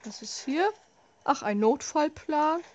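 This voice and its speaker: Female let's player, higher-pitched and unhurried, sarcastic rambling, some background noise. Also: animated, highs cut off. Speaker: let's play host. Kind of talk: casual horror game let's play commentary.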